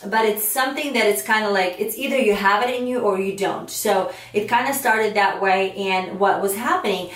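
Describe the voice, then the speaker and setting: A woman's voice: medium pitch, normal speed, hardly any pauses, a bit bright, far from the mic. Ukrainian-accented woman in an echoey room. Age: 30s. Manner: chatty, many fillers and restarts. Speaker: makeup artist vlogger. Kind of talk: casual chat to camera. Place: home studio room, indoors. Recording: roomy echo, voice a bit off-mic.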